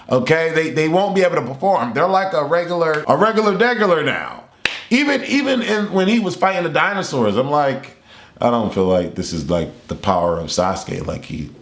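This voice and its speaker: Rambling animated man in a roomy room. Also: medium pitch. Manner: animated, rambling, laughs often. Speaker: anime reviewer. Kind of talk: casual chat. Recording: roomy echo.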